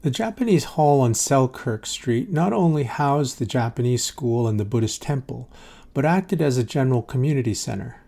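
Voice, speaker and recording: A man hosting a documentary, reading scripted narration in a measured way and introducing each guest. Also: medium pitch, animated, creaky, dark tone. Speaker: documentary host.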